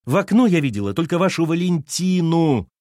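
A man's voice: big pitch swings, normal speed, dry recording, clean studio sound. A man voicing a nervous young pregnant woman who keeps crying out in desperation in an audiobook. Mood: shrill. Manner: shrill, cries out in desperation.

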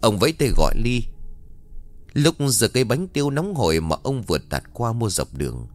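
A man narrating a ghost story in a dramatic, expressive reading. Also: medium pitch, normal speed.

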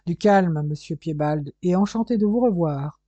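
Stubborn male police inspector for an audiobook, gruff and mocking, as a reader puts him on, with a raised voice, a very dark tone, and a dull, dry lo-fi recording. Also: mid-range voice, normal speed, no echo, natural voice. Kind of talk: audiobook character reading.

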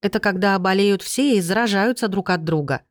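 An audiobook reader voicing a quick-witted young woman heroine who talks in a high, urgent, pleading voice, recorded dry. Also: no room sound, natural voice.

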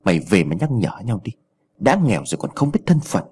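An arrogant old village chief snarls threats and insults, voiced by a man reading a storybook. The voice is husky and low, and it lurches up and down with wide swings. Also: big pitch swings, brisk, a little mellow. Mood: furious.

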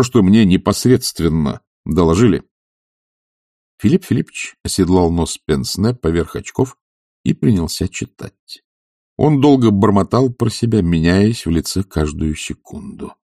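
A man narrating an audiobook in an expressive, dramatic manner. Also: low-pitched, normal speed, no room sound, clean studio sound.

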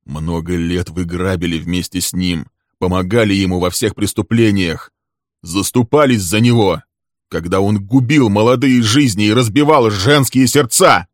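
Cold calm man read by a narrator, measured, deep voice, dry recording. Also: dry recording. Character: cool, steady man with a dark secret.

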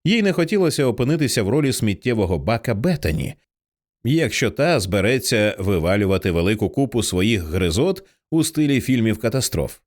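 A male audiobook narrator at a middle pitch reads the story expressively. His intonation is lively, swinging widely across sentences.

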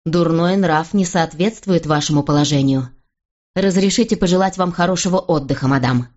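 A stern, imperious king, as a woman reader puts him on, his voice dropped low and cold as he gives orders. The recording sounds muffled and lo-fi. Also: moderate pace, darkish tone, natural voice. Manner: cold, commanding. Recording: dull lo-fi recording.

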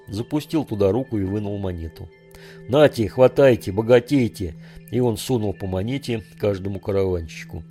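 Guy reading an audiobook, low, mellow, measured. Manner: measured storytelling. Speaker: narrator. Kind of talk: audiobook narration.

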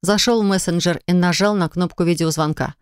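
A woman narrating an audiobook in an even, smooth storytelling manner. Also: lowish voice, fairly quick, dry recording. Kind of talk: scripted narration. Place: recording studio. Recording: dry close studio sound.

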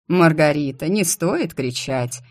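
A woman's voice: low voice, animated, slow pace, no echo, studio quality, exaggerated voice. A woman voicing a playful, teasing male alien brother in a story. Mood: amused.

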